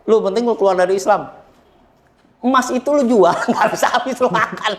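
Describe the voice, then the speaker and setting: A man's voice: sits high, fairly quick. A middle-aged man from Indonesia, a guest talking bluntly and joking as he tells his story. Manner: blunt, joking, laughs often, preachy. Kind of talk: casual chat.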